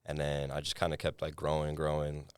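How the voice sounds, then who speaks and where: Very deep-voiced young man, quick and smooth. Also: no room sound, studio quality. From New Hampshire, USA. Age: young adult. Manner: relaxed, slangy, lots of "like". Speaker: guest, former college basketball player. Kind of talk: casual podcast chat.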